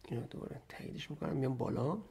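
A man recording a casual screen tutorial, thinking aloud and dictating in slow, halting bits as he types. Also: medium pitch, vocal fry, dark tone, husky. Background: keyboard typing and mouse clicks.

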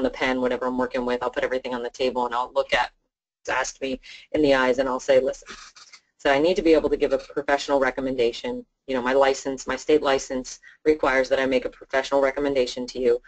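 On a conference call, a sales trainer in insurance chats casually, acting out exchanges with clients. The mid-range voice comes through on a low-quality recording.

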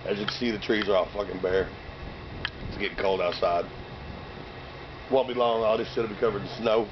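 This thirties-aged male vlogger speaks a little fast in a lowish, hoarse, steady voice, tossing off casual slang-filled shout-outs and taking drinks in between. He stands near bare trees and fields on a cold sunny day. The camera captures him from a few meters off, so the sound is dull, lo-fi and full of outdoor noise.

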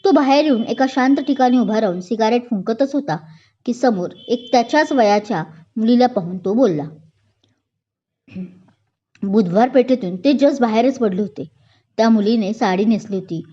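Mellow woman narrating a drama story. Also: fairly high pitch, normal speed, dull audio. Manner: expressive, acts out the dialogue.

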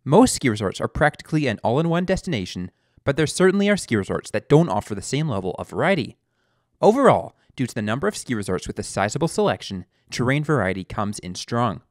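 Lively Canadian man narrating ski ratings. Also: mid-range voice, quick pace, dry recording, clean studio sound. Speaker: guest co-presenter. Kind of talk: scripted voice-over narration.

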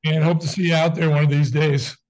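A man in his sixties, a guest musician in a casual interview. His voice sits slightly high, and he tells anecdotes briskly and drops dry, deadpan jokes. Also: poor audio.

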